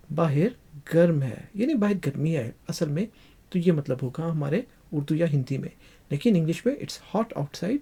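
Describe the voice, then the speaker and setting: A teacher walks through an English lesson at an unhurried, deliberate pace, repeating every phrase and stretching out each English example. The voice is warm and somewhat husky, with a lively rise and fall in pitch.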